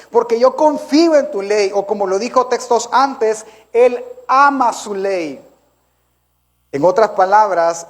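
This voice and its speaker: High-voiced male preacher. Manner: questions the congregation directly, repetitive and emphatic. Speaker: pastor. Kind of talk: sermon.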